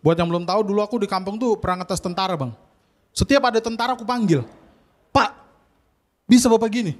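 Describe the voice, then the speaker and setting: A young man with a North Sumatran accent doing an animated stand-up comedy routine at an audition, bursting into loud acted shouts. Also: high-pitched, quick pace. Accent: North Sumatran Indonesian. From North Sumatra, Indonesia. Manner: animated, bursts into shouts when voicing others.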